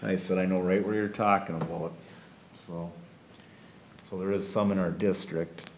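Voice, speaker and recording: Very low-voiced hesitant man. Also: steady tone, moderate pace, slight background noise. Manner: hesitant, rambling with fillers. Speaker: watershed board manager. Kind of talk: meeting report.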